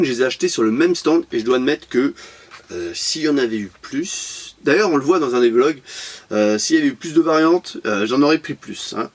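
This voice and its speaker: Chatty French collector man, slightly high voice. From France. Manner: chatty, rambling, repeats words, jokes about himself. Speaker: collector presenting his purchases. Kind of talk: casual unboxing vlog.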